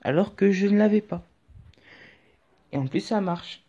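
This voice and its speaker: Unhurried and high-pitched, with a dark tone, a male YouTube host talks his way through a relaxed tutorial, rambling and cracking jokes as he goes. The recording sounds dull and lo-fi, with a trace of music.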